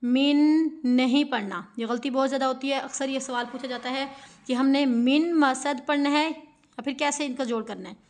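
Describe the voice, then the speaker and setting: A woman's voice: high-pitched, fairly even intonation, brisk. A woman Quran teacher with a Pakistani Urdu accent, giving a patient step-by-step recitation lesson that spells out sounds syllable by syllable and poses questions to her students.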